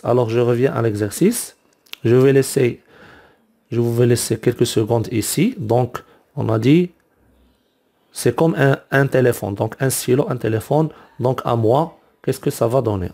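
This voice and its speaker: A man teaching a French grammar lesson, explaining slowly and repeating each form many times, with frequent fillers like "donc" and "alors". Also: mid-range voice, darkish tone.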